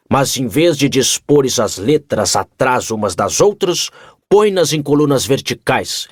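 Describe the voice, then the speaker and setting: A male audiobook narrator voicing an excitable, absent-minded older professor with emphatic, exclaiming speech. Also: medium pitch, no room sound, studio quality. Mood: instructive. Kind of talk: audiobook character voice.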